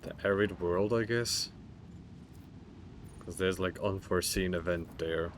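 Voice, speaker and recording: Low-voiced rambling male streamer. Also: a little slow, slight background noise. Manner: rambling, stammering, profane and joking. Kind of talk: casual game livestream chat.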